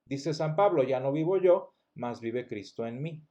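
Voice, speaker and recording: A man's voice: medium pitch, lively intonation, a little slow, mellow, dull audio. Man teaching a church Bible lesson. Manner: explanatory, asks the class rhetorical questions; restarts words often. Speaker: Sunday school teacher.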